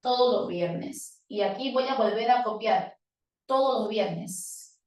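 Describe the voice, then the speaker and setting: A woman's voice: a little high, slow pace, a little mellow. Patient woman teaching grammar, roomy sound. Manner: patient, addresses students directly, acts out student questions. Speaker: language teacher. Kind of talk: explaining grammar at a board. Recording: roomy sound from a distant mic.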